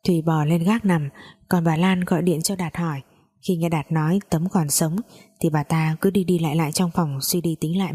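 Warm low-voiced woman narrating a story. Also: husky.

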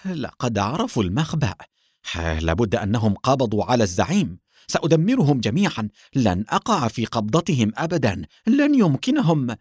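A man voicing a tall, ruthless male villain who shouts threats and mocks his enemy. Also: on the low side, big pitch swings, a little fast, husky, no echo, clean studio sound, exaggerated voice. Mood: furious.

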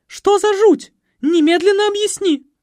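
A male narrator voicing a hysterical older mother who shrieks in panic. The voice leaps far up, shrill and loud. The recording is dry and close. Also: unhurried, no echo. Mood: shrieking. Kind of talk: audiobook character voice.

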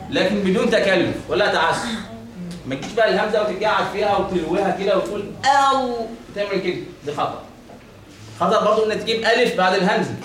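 A man with an Egyptian accent teaches a recitation lesson, keeps throwing questions out and answering them himself. His voice sits high and he talks quickly. He sounds distant from the mic in a very echoey room with a faint hum. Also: fairly bright tone. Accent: Egyptian Arabic. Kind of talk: classroom lesson on Quran recitation.

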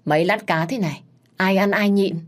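A woman's voice: medium pitch, normal speed, voice pushed up, lightly acted. A woman reading a story, voicing a hot-headed, stubborn young man who talks bluntly and combatively. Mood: grumbling.

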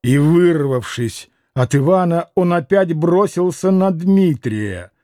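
Man reading a classic novel, higher voice. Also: slow pace, dry recording, clean studio sound. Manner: expressive, dramatic reading. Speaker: audiobook narrator. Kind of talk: scripted literary narration.

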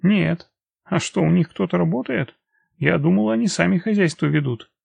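A man voicing a sharp young female bodyguard who plays coy and playful, in an audiobook reading. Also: high voice, moderate pace, vocal fry, slightly rough, no echo, pitched above the performer's own voice, exaggerated voice. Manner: coquettish, playful.

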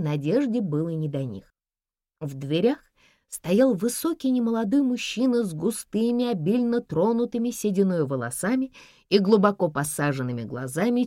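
A woman reading a novel aloud with lively, expressive pitch and a dramatic delivery. The sound is dry and close, with no room around it. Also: no room sound. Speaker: audiobook narrator. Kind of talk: scripted narration.

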